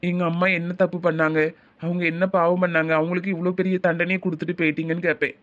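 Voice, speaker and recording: A man's voice: high voice, level tone, fast, a bit bright, dull audio. A man voicing a troubled young man. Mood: hurt. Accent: Tirunelveli Tamil. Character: troubled young man, jobless and abandoned by his wife. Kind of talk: cartoon voice acting.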